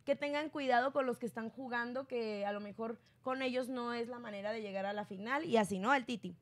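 A woman hosting a casual gossip commentary, chatty and acting out quotes. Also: fairly quick. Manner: chatty, acts out quotes with raised pitch. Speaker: gossip show host.

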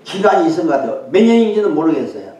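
A man's voice: on the high side, very animated, rapid-fire, mellow. An older man, a guest preacher, giving a sermon in a conversational way, often adding short affirming interjections. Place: church sanctuary. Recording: very echoey hall, voice from far off.

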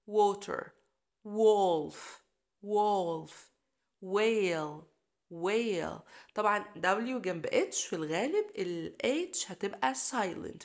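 A woman's voice: medium pitch, creaky. A woman with an Egyptian Arabic accent teaching English pronunciation to children in a recorded lesson. She patiently says each example word twice and cheers her pupils on. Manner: encouraging, addresses pupils fondly.

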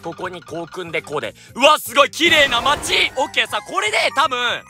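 A man giving energetic, jokey let's-play commentary with loud outbursts. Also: extremely high pitch, fast talker, over music. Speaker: gaming YouTuber.

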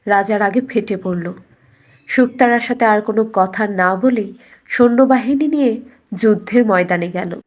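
As a storyteller, a woman narrates a scripted cartoon fairy tale with measured, deliberate storybook delivery. Her voice is medium-pitched with a darkish tone.

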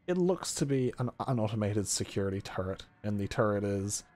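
A man acting as game master, slowly narrating a post-apocalyptic tabletop scene with descriptive, scene-setting delivery. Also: fairly low pitch, lively intonation, a little mellow, slight background noise.

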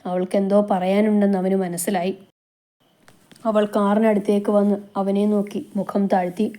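A woman reading a romance story aloud as a storyteller, in a steady, emotive manner. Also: mid-range voice, normal speed. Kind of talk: scripted narration of a romance story.

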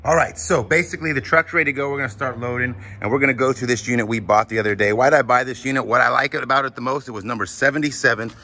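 A man in his forties hosts a storage auction vlog, chatting informally with slang as he sorts finds outdoors at a storage unit lot, partly from a vehicle. His mid-range voice is pushed and bright, fairly even in intonation, and very fast with hardly any pauses. The audio is noisy, with vehicle sounds.

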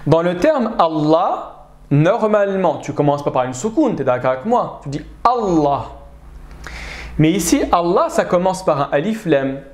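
Speaking at a measured pace in a high voice, a man teaches Arabic grammar online, explaining patiently in a roomy-sounding space. His delivery is animated, and he keeps checking understanding with "d'accord?".

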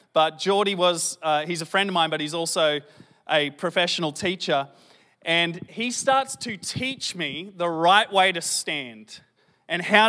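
Bright-voiced Australian pastor in a big hall. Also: male voice, high-pitched. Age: late 30s. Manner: conversational preaching with self-deprecating humor. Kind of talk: sermon.

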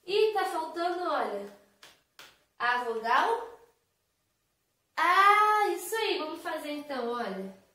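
A Brazilian Portuguese-accented woman, a kindergarten teacher, gives a slow, sing-song, encouraging online lesson to young children. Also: high voice, big pitch swings, a bit bright. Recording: very echoey room.

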